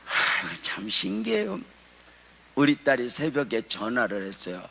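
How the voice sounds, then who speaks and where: A middle-aged male pastor preaching in a church sanctuary, his mid-pitched voice trailing off into a long reverberant echo. He swings from fervent, raised emphasis down to a hushed storytelling tone. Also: big pitch swings, unhurried, creaky, husky. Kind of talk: sermon.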